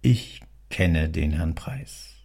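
A man's voice: very deep voice, lively intonation, very slow, vocal fry, darkish tone, slightly rough, voice pushed down, full character voice. A man voicing a fussy, servile old male bookkeeper who mutters obsequiously to himself. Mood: muttering.

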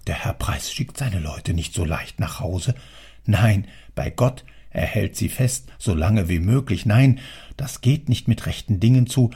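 A fussy, servile old bookkeeper, put on by a male narrator, bowing and muttering to himself in an obsequious way. The voice is gravelly and dark, with a breathy, husky edge. It belongs to a storybook reading. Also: lowish voice, lively intonation, unhurried, exaggerated voice.

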